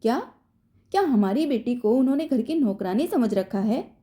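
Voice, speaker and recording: A woman's voice: on the high side, animated, normal speed, warm tone, lightly acted. A woman voicing a middle-aged mother, anxious and indignant on her daughter's behalf. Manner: anxious, then outraged.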